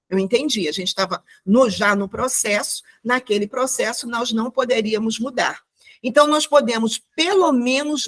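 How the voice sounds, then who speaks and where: A woman's voice: on the high side, fairly bright tone. A woman from Brazil teaching an online class, telling a story and reflecting aloud with many fillers and restarts. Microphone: video call.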